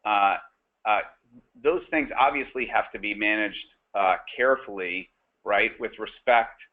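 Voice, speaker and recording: Man talking over a tinny phone line. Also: fairly low pitch. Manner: halting, many fillers and restarts. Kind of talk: webinar panel discussion.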